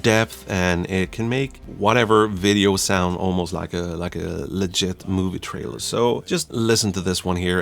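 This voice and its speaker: A man from Sweden, reviewing software in a chatty, self-deprecating tutorial style. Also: low voice, gravelly. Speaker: YouTube reviewer. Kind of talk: casual tutorial talk.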